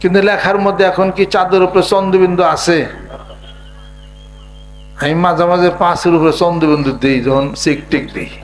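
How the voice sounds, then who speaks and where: A man preaching a sermon in a humorous way, imitating village speech and singing verses slowly. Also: high voice, fairly even intonation, rough recording. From Bangladesh. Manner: humorous, mimics rural dialect, sings verses slowly. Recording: faint mains hum.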